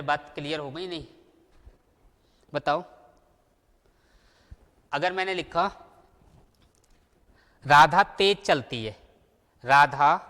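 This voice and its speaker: Guy teaching grammar real slow, keeps asking then answering himself, kinda high voice, echoey room. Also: fairly bright tone. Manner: asks questions and answers them himself, repeats key words slowly. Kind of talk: classroom grammar lesson.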